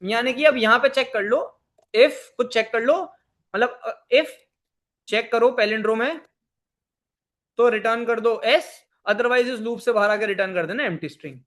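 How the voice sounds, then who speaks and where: A man with a fairly high-pitched voice runs a live online coding class. He mixes English programming terms into his Hindi. He repeats phrases and keeps quizzing his students. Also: moderate pace, fairly bright tone. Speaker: programming instructor.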